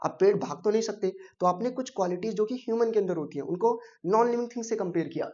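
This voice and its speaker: Male teacher, quick exam-prep lesson, rhetorical questions to students, mellow voice. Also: high voice, muffled recording. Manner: mixes Hindi and English, quizzes students with rhetorical questions. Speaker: English teacher.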